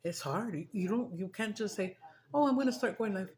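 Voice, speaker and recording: A woman's voice: medium pitch, animated, fairly quick, a little mellow, slight background noise. A middle-aged woman, chatting loosely while eating on camera, swearing and slipping into Spanish. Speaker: mukbang streamer. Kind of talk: casual chat while eating.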